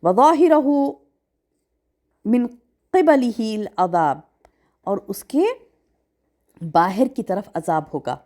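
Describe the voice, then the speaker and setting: A woman's voice: mid-range voice, pauses often. A woman teacher giving a religious lecture. She recites Arabic verses, explains them line by line and keeps asking her class questions. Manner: animated, acts out quotes. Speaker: Quran teacher.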